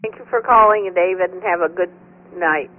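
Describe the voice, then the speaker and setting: A woman's voice: on the low side, moderate pace. Woman running a noisy radio net. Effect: two-way radio transmission. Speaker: net control host of an amateur radio net. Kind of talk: procedural radio net hosting. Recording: tinny narrow-band radio, clear static noise.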